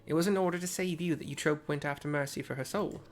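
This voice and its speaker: Man doing a young woman fighter with a put-on Irish accent, loud, raised pitch, game read-aloud. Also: fast talker, soft background music, natural voice. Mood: scolding. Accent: attempted Irish. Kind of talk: reading game dialogue aloud.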